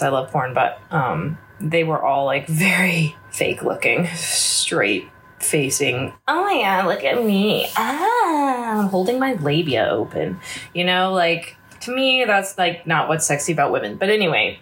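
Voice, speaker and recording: A woman's voice: fairly low pitch, slight background noise. A slightly congested woman chatting. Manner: candid and chatty, many fillers. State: a little congested. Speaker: vlogger. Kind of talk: casual video diary.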